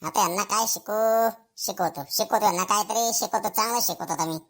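A woman's voice: medium pitch, a little fast, faint music behind, voice pushed down, close to an everyday voice. A woman voicing a blustering schoolboy who gets to be teacher for a day, in a village comedy skit, full of cheeky asides to himself. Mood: cocky. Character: brash boastful schoolboy made teacher for a day, male.

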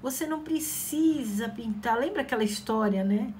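A woman's voice: fairly high pitch, normal speed, darkish tone. A middle-aged woman chatting casually while she paints, giving encouraging talk and acting out quoted voices. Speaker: craft channel host. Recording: faint background noise.

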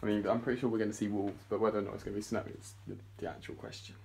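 A man's voice: fairly low pitch, flat delivery, racing, gravelly, darkish tone. A young man chatting casually and playfully for a vlog, recorded on a handheld phone. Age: young adult. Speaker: vlogger. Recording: noisy handheld outdoor and indoor recording.

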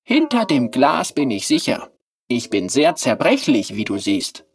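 A narrator playing Fiyerem, a shy and charming porcelain clockwork boy who speaks slowly and softly in a storybook reading. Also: medium pitch, very animated, slightly rough, recorded from a distance, full character voice.

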